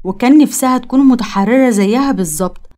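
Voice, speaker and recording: A woman's voice: on the high side, fast, warm tone. A woman with an Egyptian Arabic accent narrating a moralizing story in a scripted storytelling style.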